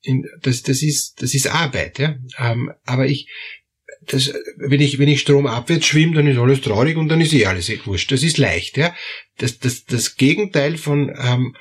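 A man's voice: mid-range voice, normal speed, slightly rough. A man giving a spoken self-help monologue, hesitant, with many fillers and repeated words.

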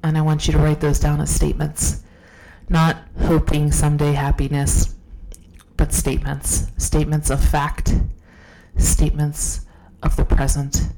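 Losing her voice to illness, a podcast host rambles through a casual, self-deprecating monologue from a downstairs room at home. She speaks in a low, dark voice with a completely flat delivery, a little slowly, and the phone audio is poor.

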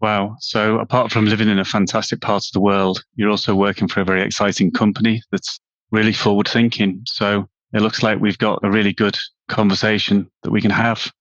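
Low-voiced male podcast host. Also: little pitch movement, brisk, fairly bright tone, dry recording, muffled recording. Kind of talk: scripted introduction and interview questions.

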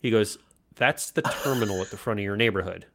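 A man chats casually as a podcast co-host. He has a lowish voice and tells an anecdote with energy, slipping into the voices of the people he quotes. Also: a little fast, creaky. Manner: animated anecdote telling, acts out quoted voices. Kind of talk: casual storytelling chat.

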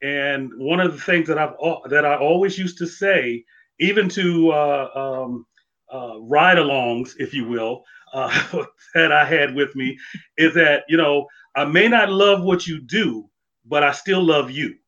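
A man's voice: on the high side, a little slow, sharp tone, muffled recording. A man who used to be a police officer, talking casually and thoughtfully, with many fillers and restarts. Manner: reflective, full of fillers and restarts. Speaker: former police officer guest. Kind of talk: casual conversation.

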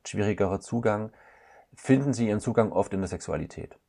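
A man's voice: fairly low pitch, brisk, creaky, dark tone. A man speaking as a couples counselor guest, in a thoughtful, searching way with frequent hesitations. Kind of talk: reflective podcast conversation.

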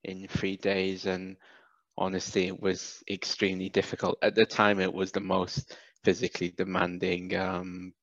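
The voice is deep and gravelly yet a bit bright, with little pitch movement and a moderate pace. It belongs to a British-accented man from Wales, a podcast guest in a casual conversational interview who hesitantly corrects himself, captured on slightly dull, lo-fi sound.

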